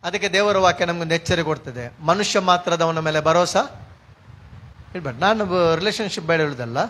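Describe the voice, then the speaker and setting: A man's voice: a little high, brisk, fairly bright tone. A man preaching a sermon as pastor, emphatic and repetitive, dropping English words into his talk.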